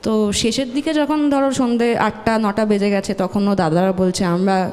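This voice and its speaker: A woman's voice: mid-range voice, steady tone, moderate pace, a little mellow. A woman, a singer guest chatting candidly and cheerfully. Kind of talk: casual chat. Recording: long hall reverb.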